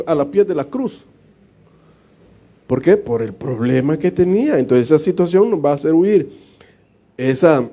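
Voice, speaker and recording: This pastor from El Salvador speaks in a mellow, high-leaning voice with a Salvadoran Spanish accent. His Bible study is an informal, conversational sermon, jokey and colloquial, with frequent chuckles and short acted-out dialogues.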